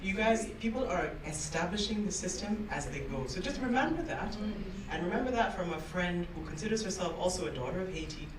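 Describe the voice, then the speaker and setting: A woman's voice: fairly low pitch, lively intonation, fairly quick, hardly any pauses. A middle-aged woman from Barbados speaking emphatically at a panel event, mixing in French and Creole phrases. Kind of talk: impassioned panel remarks. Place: large conference room with audience. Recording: echoey room, distant, noisy.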